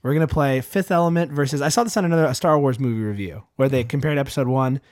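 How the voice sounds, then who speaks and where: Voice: mid-range voice, fast talker, a little mellow, dry recording, studio quality. A podcast co-host arguing about a film in casual conversation and setting a quiz game. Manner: argumentative, quizzes co-host. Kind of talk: casual movie review chat.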